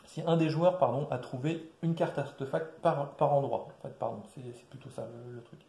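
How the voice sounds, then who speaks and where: A man casually walking through a board game's rules, with many fillers and restarts, recorded quietly in an echoey room. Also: a little fast, gravelly. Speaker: board game presenter. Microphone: quiet distant mic. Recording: echoey room, low level.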